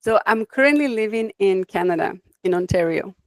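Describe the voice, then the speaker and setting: Speaking a little fast with lively intonation at a medium pitch, a woman from Mexico shares personal stories in a reflective way. She's a life design coach appearing as a guest in a conversational interview, and the recording is dry.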